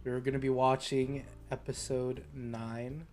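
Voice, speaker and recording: Easygoing young guy hosting a friends' podcast, mid-pitched, faint music under. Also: flat delivery, a little slow, a little mellow. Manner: laid-back, chewing gum, stumbles on words. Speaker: podcast host. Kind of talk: casual chat.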